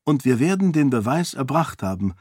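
Young princess, firm, persuasive, man reading her, raised pitch, dry. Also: sing-song, moderate pace, darkish tone, husky, dry recording. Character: resolute young princess addressing lords.

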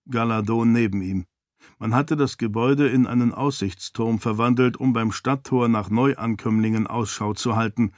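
Male narrator, measured fantasy reading, mid voice, dry booth. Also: mid-range voice, a little mellow, dry recording. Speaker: audiobook narrator. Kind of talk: scripted narration.

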